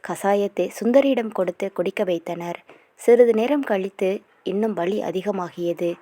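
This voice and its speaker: A woman narrating a serial romance novel in a steady storytelling manner. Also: mid-range voice, moderate pace, no echo.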